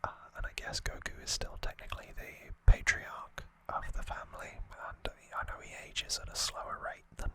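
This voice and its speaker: A gentle ASMR host whispers breathily through an informal recap, taking it slowly and sprinkling in conversational asides.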